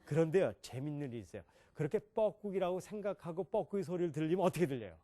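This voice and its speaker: Middle-aged guy teaching a class, voice bouncing up and down a lot, pitch a bit high, keeps quizzing the room. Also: quick pace. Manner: animated, questions the audience and demonstrates sounds. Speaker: English pronunciation lecturer. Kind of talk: classroom lecture.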